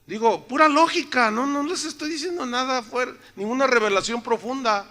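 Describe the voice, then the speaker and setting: Pastor preaching, jokey and conversational with the congregation; high, very bright voice. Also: male voice, a little fast. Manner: joking, asks the congregation rhetorical questions. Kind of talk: sermon. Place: church, in front of a congregation.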